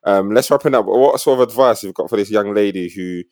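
A man's voice: on the low side, a little fast, darkish tone, dry recording, studio quality. A young man with a London roadman accent hosting a podcast in casual, slangy street talk. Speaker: podcast host.

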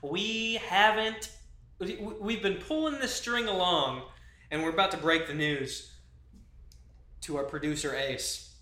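Young guy cohosting a podcast, bright kinda tense voice, goofy fake-serious banter, echoey room. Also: high-pitched, a little slow, pauses often. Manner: joking, mock-earnest banter with bursts of laughter. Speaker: podcast co-host. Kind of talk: casual chat.

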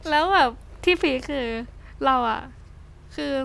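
A young woman with a Thai accent, giving a casual spoken English lesson, chatty, swearing now and then, reading out word lists slowly. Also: sits high, gravelly, a bit bright, a little hiss or hum. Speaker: English tutor.

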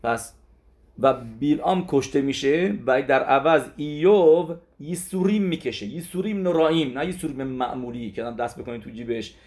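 Male Torah teacher, conversational lesson, animated storyteller. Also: medium pitch. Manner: animated storytelling with repeated "he says" and restarts. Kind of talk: Torah lesson in casual spoken Persian.

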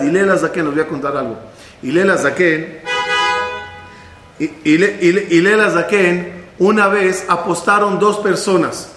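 Male rabbi-style teacher, lively storytelling lesson, roomy echo. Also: sits high. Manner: animated, acts out voices in stories.

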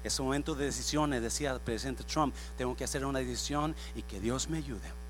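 A male pastor preaching a sermon, dropping to a hush and then rising to shouts, mixing in English phrases. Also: mid-range voice, fairly quick, slight background noise. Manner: swings from hushed to shouting, mixes in English phrases.

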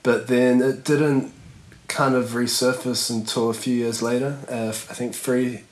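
A man's voice: mid-range voice, flat delivery, unhurried, slight background noise, low-quality recording. Laid-back New man rambling casually. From New Zealand. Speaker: guest skateboarder. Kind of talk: casual podcast chat.

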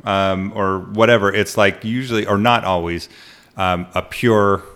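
A man with a fairly low voice hosts a relaxed podcast chat. He sounds curious and chatty, and he often repeats points back to confirm them. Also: a little slow. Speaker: podcast host. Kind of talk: casual podcast interview.

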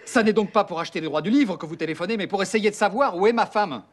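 An actor playing an impatient, scheming, sarcastic man in film dialogue, brisk and condescending. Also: high voice.

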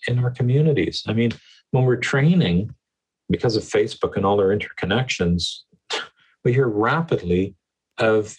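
A man's voice: mid-range voice, husky, poor audio. A man speaking as a guest educator in an interview, emphatic and repeating words for stress. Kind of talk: earnest conversational interview.

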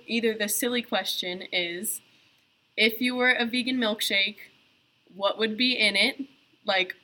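A woman's voice: medium pitch, bright, forceful tone, poor audio. A woman hosting a podcast interview, upbeat and friendly as she asks questions. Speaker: podcast host.

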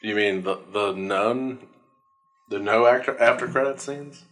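A man's voice: on the low side, a little slow, a bit bright. A man co-hosting a podcast, chatting casually about a film in a wry, teasing way. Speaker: podcast co-host. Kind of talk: casual movie-review chat.

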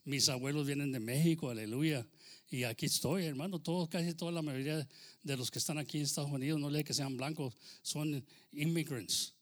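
A man's voice: a little high, a little fast. A Mexican American man preaching a fervent Spanish sermon, peppered with amens, English phrases and a joking story. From United States. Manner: switches into English phrases, frequent amen and hermano. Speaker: pastor.

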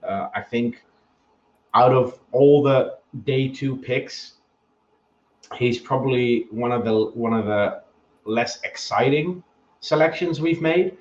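A man's voice: medium pitch, slow. Man on an echoey, muffled line. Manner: hesitant, many ums and restarts. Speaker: guest analyst. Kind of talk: casual hockey podcast chat. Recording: echoey, dull lo-fi remote audio.

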